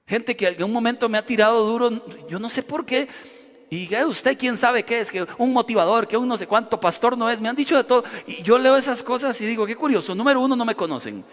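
A man preaching a sermon as a pastor, animated and acting out shouting crowds. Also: extremely high pitch, quick pace. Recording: long hall reverb.

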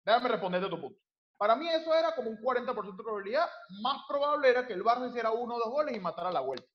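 A Venezuelan man with a high voice argues football at a breakneck pace, interrupting others and repeating himself. His sound comes through muffled and lo-fi. The talk is heated and casual. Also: rapid-fire. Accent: Venezuelan Spanish. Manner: excitable, interrupts, repeats phrases. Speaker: football debate panelist.

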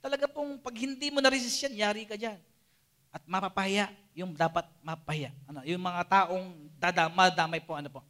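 A man preaching to a youth group, animated and always checking in with his listeners. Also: high-pitched, a little fast. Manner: animated, keeps asking the listeners "Amen?" and "di ba?". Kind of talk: Taglish sermon to a live and Zoom audience.

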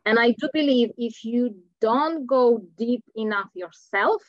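Here the Czech coach, a middle-aged woman with a Czech accent, answers podcast interview questions earnestly at a measured pace, her voice fairly high. She sometimes searches for words, and the dull, lo-fi recording has no room sound.

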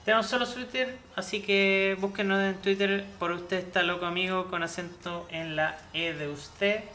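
Joking Chilean man, bright voice. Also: sits high, fairly even intonation, moderate pace. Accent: Chilean Spanish. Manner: joking, crude, explanatory. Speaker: host mixing cocktails. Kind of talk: casual cocktail show chat.

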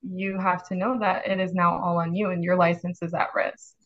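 Measured woman nurse, muffled lo-fi sound. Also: lowish voice, little pitch movement, a bit bright. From Chicago area, US. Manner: measured, explanatory. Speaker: nurse guest. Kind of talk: casual podcast conversation.

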